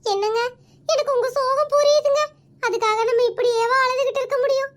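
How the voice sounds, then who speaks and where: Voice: very high voice, fairly even intonation, fairly quick, fairly bright tone. A voice actor playing a sly, greedy young wife in a cartoon, sweet-talking her husband. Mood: coaxing.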